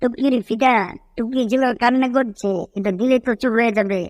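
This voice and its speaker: A woman voicing Jerry, an excitable cartoon mouse who cries out in alarm. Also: a little high, quick pace, no echo, in a large hall, close to an everyday voice.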